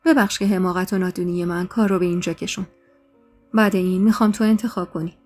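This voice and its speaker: A woman's voice: lowish voice, steady tone, a little mellow, soft background music, close to an everyday voice. A woman voicing a young husband who is evasive and pleading in a spoken story. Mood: apologetic. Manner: placating, pleading.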